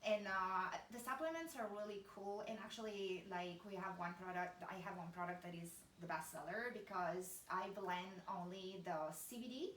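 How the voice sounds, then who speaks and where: A woman's voice: on the low side, moderate pace, few pauses, fairly bright tone. A woman guest in an interview, talking about her work in a hesitant way with many fillers. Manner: hesitant, filler-heavy, agreeable. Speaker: guest, skincare product maker. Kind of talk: casual interview chat. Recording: echoey room, distant mic, faint noise.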